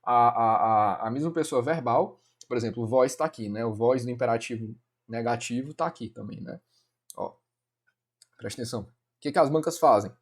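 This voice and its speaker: With a Brazilian Portuguese accent, a man teaches a Portuguese grammar lesson for an exam in a chatty, informal way. He calls his students "cara" and "galera" and fills his explanations with "né" and other fillers. His voice is medium-pitched and brisk, with a breathy edge.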